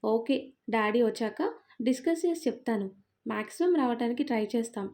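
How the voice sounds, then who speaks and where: A cheeky young daughter who whines and teases her parents with affection, as a woman puts her on. The voice sits a little high, but the tone stays warm and mellow, like a storybook read aloud. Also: a little fast, natural voice. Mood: sweet. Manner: teasing, whiny and affectionate.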